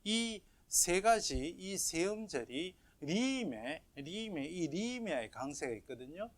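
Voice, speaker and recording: A middle-aged man teaching a grammar lecture online, patient and checking in with his listeners as he explains. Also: on the high side. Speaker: professor teaching Biblical Hebrew.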